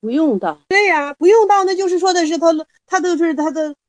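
A woman leading a Buddhist study group through a Zen koan. She reads the classical text slowly, then explains it in a lively, teasing way with many rhetorical questions. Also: very high voice, no echo.

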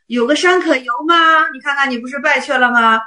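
Sneering old Zen master, high-pitched and needling, put on by a woman lecturer. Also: fast, sharp tone. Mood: mocking. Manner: mocking, needling questions.

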